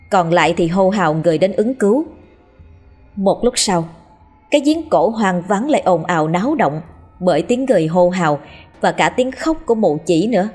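A woman narrating a scripted ghost story in a steady, dramatic storytelling manner. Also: on the low side, husky.

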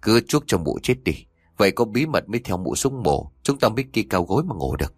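A man's voice: fairly low pitch, very animated, brisk, husky, no room sound, studio quality. Man doing a scheming, spiteful wife. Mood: scheming urging. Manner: hissing, urgent whispering and goading. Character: scheming cruel wife, middle-aged woman.

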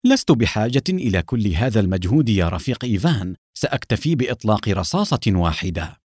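A man voicing a cool, sarcastic male secret agent who speaks calmly and coldly. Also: mid-range voice, quick pace, no room sound, studio quality, close to an everyday voice. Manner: calm, mocking, cold.

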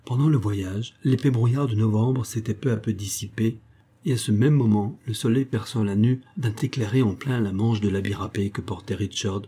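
Husky, dark-voiced male narrator. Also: lowish voice, normal speed. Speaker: audiobook narrator. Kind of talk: scripted narration.

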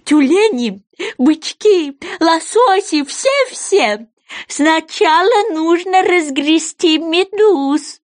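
A woman doing a high eager little goby fish. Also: expressive, heavily acted. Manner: eager, drawn-out, sing-song. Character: excitable little male sea goby fish. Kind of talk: storybook reading.

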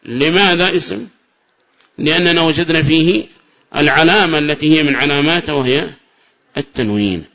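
A man teaching Arabic grammar from a classic text, asking students questions and answering them himself, slowing down to spell out examples. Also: on the high side. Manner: reads the text raised and loud, then explains slowly with drawn-out examples. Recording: dull lo-fi lecture recording.

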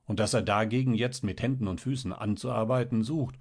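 Man voicing a middle-aged official, genial, wry, measured, lowish voice. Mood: explaining.

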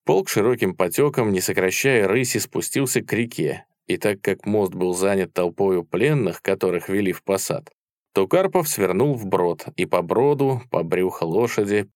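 A man reading a war novel aloud in steady, measured narration. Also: low voice, no room sound, studio quality. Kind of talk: audiobook narration.

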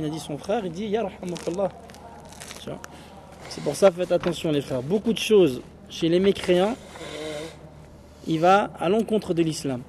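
A man teaches an Arabic class in a rather high, mellow voice, explaining in French with Arabic phrases mixed in and often asking "tu vois?" to check his students follow. A faint hiss runs under the recording.

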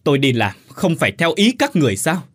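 A man's voice: on the high side, big pitch swings, fast, voice pushed up. A man voicing a desperate young mother who wails and cries out in grief in a storybook tale. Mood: anguished fury. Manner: wailing, sobbing cries.

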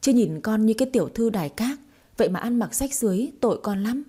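A brash young woman fortune-teller from a storybook, chattering fast and cheekily, as a woman reader puts her on. Her voice is warm and a little husky. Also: on the high side, animated. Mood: pleading. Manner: brash, chattering, self-mocking.

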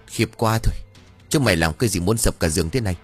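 A man's voice: on the low side, fast, soft background music. A man voicing a grumpy, crude old village exorcist who curses and grumbles. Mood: teasing. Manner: gruff, cursing, bossy.

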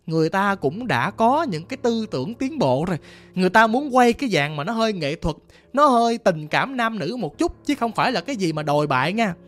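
A storyteller with a Southern Vietnamese accent retelling a ghost story, vivid and animated, acting out sounds. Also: mid-range voice. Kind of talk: retold ghost story narration.

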